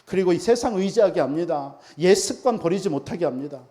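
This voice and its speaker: High-voiced pastor preaching emphatically. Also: male voice, expressive, a little fast, mellow. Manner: emphatic, asks the congregation rhetorical questions. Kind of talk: sermon.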